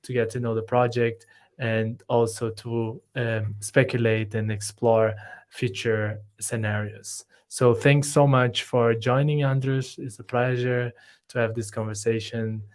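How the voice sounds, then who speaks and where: A man's voice: medium pitch, fairly even intonation, unhurried, darkish tone. A man hosting a live online interview, talking loosely and searching for his words. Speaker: host.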